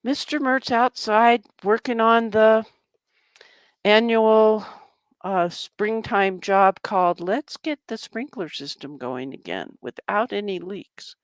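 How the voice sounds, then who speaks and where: A woman's voice: medium pitch, slow pace, no echo. A woman casually demonstrating a journal-making craft project, chatting to herself as she works. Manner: chatty, talks to herself while working. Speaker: craft vlogger.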